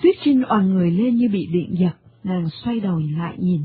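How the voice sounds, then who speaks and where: A woman's voice: mid-range voice, fairly quick. A woman narrating a radio drama expressively, over a tinny medium-wave broadcast. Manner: expressive storytelling.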